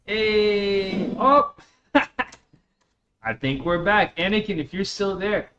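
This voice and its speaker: A high-voiced man talks at a slow pace in casual, slangy chat while he streams a game live. He has a slight Russian accent from his Russian childhood before moving to the U.S. at eleven, and the dull lo-fi mic carries faint noise.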